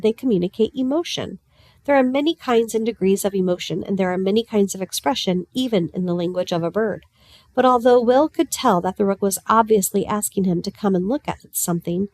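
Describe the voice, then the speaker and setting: A woman narrates a novel in a calm, even reading voice. Her pitch sits in the middle range. The sound is dry and close, with no room echo. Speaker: audiobook narrator. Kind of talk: storybook narration.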